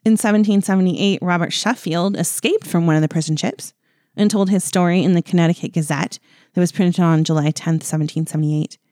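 A woman's voice: lowish voice, fairly even intonation, a little fast, darkish tone, no echo, studio quality. A woman co-hosting a podcast, telling a history story casually with lots of fillers and wry asides. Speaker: podcast co-host.

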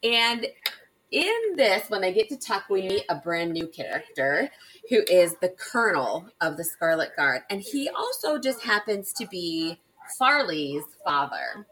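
A woman's voice: medium pitch, very animated, measured pace, fairly bright tone, poor audio. A woman hosting a casual book discussion, recapping the plot with enthusiasm and laughing often. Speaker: book podcast host.

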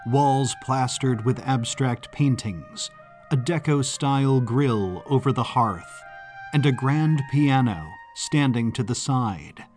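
A man giving a scripted audiobook narration in a measured, expressive storytelling manner. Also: mid-range voice, faint music behind. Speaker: narrator and author.

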